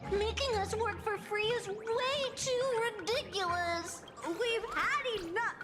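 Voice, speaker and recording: A woman's voice: very high voice, slow pace, in a large hall. A woman streamer reading game dialogue aloud while playing, in a playful, bubbly manner. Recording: loud game music behind.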